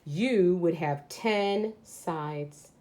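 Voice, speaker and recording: Drawing out her words in a mellow, lowish voice, an elementary school teacher gives a read-aloud lesson for children. She explains as she reads, often asking questions and then supplying the answers.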